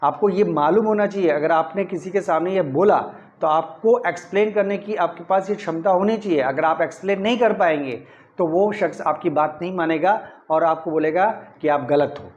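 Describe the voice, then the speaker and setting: A man with a high voice teaches English grammar in Hindi. He walks through each sentence step by step and keeps asking whether it is clear. The recording sounds dull and lo-fi. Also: a little fast. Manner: explains step by step, often checking "clear?". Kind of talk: Hindi-language grammar lesson.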